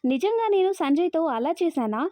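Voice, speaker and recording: A woman voicing a caring, steadfast young heroine in a gentle, earnest reading. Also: high voice, sing-song, moderate pace, no room sound. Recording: dry, slightly dull recording.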